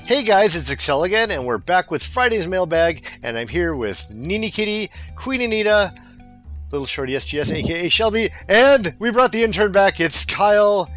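A man's voice: sits high, lively intonation, normal speed, a bit bright, soft background music. A young man hosting a casual group chat, reading viewer mail aloud in a playful way and laughing often.

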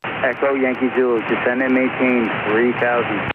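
A man working as an air traffic controller, giving brisk clipped clearances over a crackly two-way radio. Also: mid-range voice, little pitch movement. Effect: heard over a crackly two-way aviation radio. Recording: tinny radio channel with loud static.

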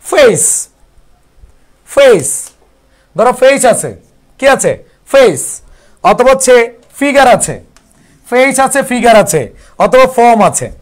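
A man's voice: very high-pitched, very animated, slow pace, long pauses. A Bangladeshi man teaching English vocabulary in a live online class, coaxing students as brothers and drilling words over and over. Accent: Bangladeshi Bengali.

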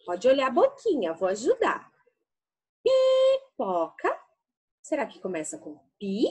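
A woman teacher giving a lesson to young children, sounding out syllables slowly and coaxingly. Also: mid-range voice, huge pitch swings, a little mellow, slightly rough. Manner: slow, sing-song sounding out of syllables; affectionate, coaxing.

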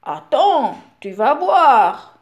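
A woman's voice: high-pitched, sing-song, drawn-out words, highs cut off, full character voice. A woman voicing a tired, reluctant father playing football with his son, with exaggerated playful cries. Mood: teasing.

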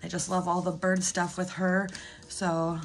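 A woman in her thirties, a budgeting vlogger, chats casually to camera from home with a lowish voice, flat delivery and a measured pace. She's losing her voice and rambles with ums and restarts, and there's a little hiss or hum in the recording.

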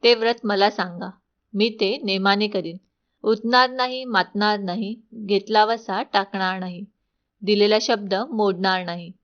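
A woman's voice: mid-range voice, steady tone, a little slow, highs cut off, natural voice. A brusque palace maid, read by a woman. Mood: pleading. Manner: brusque questioning. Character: palace maid, brusque then humble and pleading.

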